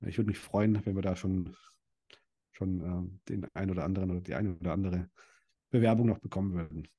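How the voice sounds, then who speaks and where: A man's voice: sits low, fairly even intonation, fairly quick, dark tone, slightly rough. A young adult man, a podcast guest, talking casually with many fillers and restarts. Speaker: podcast guest, dental practice owner and event organizer. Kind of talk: casual interview chat.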